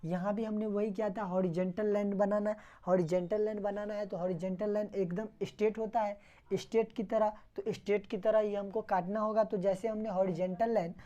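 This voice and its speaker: Woman teacher, soft warm voice, keeps asking and answering her own questions. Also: medium pitch, fairly even intonation, fairly quick, dull audio. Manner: repeats questions and answers them herself, step by step. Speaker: math teacher. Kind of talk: classroom lecture.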